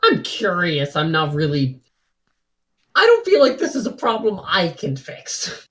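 A woman's voice: lowish voice, huge pitch swings, unhurried, a bit bright. A young woman player chatting casually at a tabletop game, hesitant and musing, with lots of hmms.

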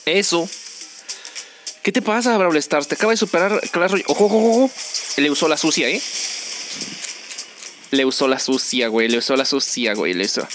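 A young man with a Mexican accent, doing excitable, joking commentary while playing a game with friends. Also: a little high, moderate pace, pauses often, over music. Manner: joking, excitable, teasing teammates. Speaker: gaming streamer. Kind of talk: casual gameplay commentary.

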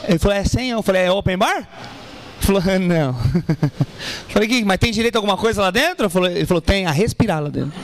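A man's voice: high voice, fast, slight background noise. A man doing stand-up, telling a story and acting out both sides of the dialogue. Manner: animated, profane, acts out both sides of dialogue. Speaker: stand-up comedian. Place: small café stage with live audience.

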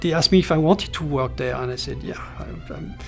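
A man's voice: on the high side, a little fast, gravelly, a little mellow, faint music behind. A middle-aged man from France with a French accent, talking hesitantly in a seated interview, with many fillers and restarts. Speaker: character designer. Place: indoor studio room.

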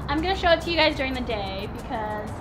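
A woman's voice: sits high, animated, brisk. A young woman giving a casual, chatty vlog tour of her home, sing-song and full of "like"s. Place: large empty apartment. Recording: very echoey empty rooms with music. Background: music from house speakers.

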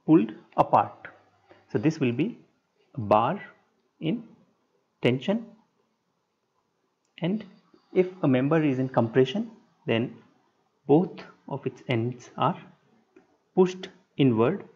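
Over a whiteboard screen capture, a man teaches structural engineering in brief, measured, halting bursts. His mid-range voice has a breathy edge, captured in dull, lo-fi sound.

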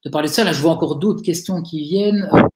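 A man's voice: a little high, fast, a little hiss or hum. A man with a Belgian accent from Liège, answering audience questions in a live webinar in a chatty, encouraging way with frequent hesitations. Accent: Liège Belgian French. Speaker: webinar speaker, digital agency owner. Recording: roomy webinar audio.

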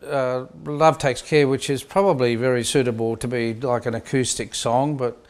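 A man's voice: medium pitch, normal speed. Older man rambling through a memory. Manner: relaxed, rambling anecdotes with many fillers. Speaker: band member interviewed. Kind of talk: reminiscing interview.

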